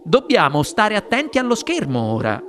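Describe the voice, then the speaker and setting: A man voicing an eccentric elderly male chocolate maker in a read-aloud story, with theatrical leaps in pitch. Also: huge pitch swings, moderate pace, a bit bright, heavily acted. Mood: hushed. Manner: theatrical, swooping pitch jumps. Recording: music playing underneath.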